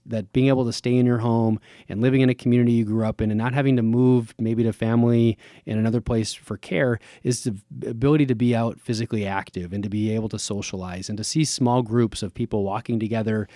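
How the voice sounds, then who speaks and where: A man, explaining things in a measured way as an interview guest. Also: mid-range voice, fairly even intonation, dark tone, dry recording, clean studio sound. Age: 30s. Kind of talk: conversational interview. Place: small wood-furnished room set up as a podcast studio. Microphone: close boom-arm studio microphone.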